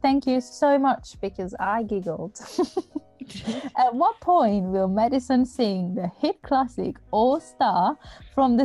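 A woman's voice: on the high side, dark tone. Giggly enthusiastic podcast woman. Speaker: podcast co-host. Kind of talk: casual podcast chat.

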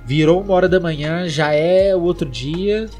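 A relaxed Brazilian man trades slangy jokes on a podcast and laughs easily. Soft music plays faintly behind him. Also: on the high side, moderate pace. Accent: Brazilian Portuguese. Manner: laid-back slangy banter, laughs often. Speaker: podcast co-host. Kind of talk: casual podcast chat.

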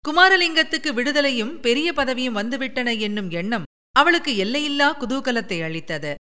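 A woman narrating a novel aloud in an expressive storytelling manner. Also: sits high, moderate pace. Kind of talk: audiobook novel reading.

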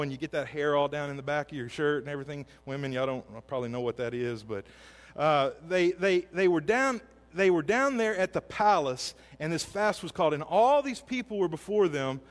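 A man preaching a sermon, retelling a scripture story in a folksy, animated way with sudden jumps in pitch. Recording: long reverb in a large hall.

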